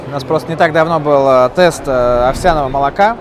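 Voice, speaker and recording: Man, casual expo interviewer, slightly high voice, joking, crowd chatter behind. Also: brisk. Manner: chatty, joking, hesitant fillers. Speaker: video blogger at a trade expo. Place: crowded indoor expo hall. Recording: loud crowd noise behind.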